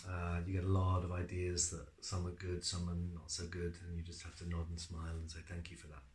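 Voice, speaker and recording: This actor has a low voice and speaks briskly in an echoey room. He answers interview questions casually, like a relaxed, chatty storyteller who uses lots of fillers.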